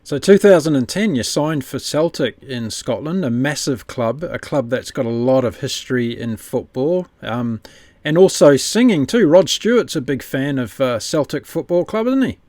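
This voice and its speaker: A man's voice: mid-range voice, expressive, normal speed, a little mellow, dry recording. A man hosting a conversational interview, putting questions to a guest. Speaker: interview host.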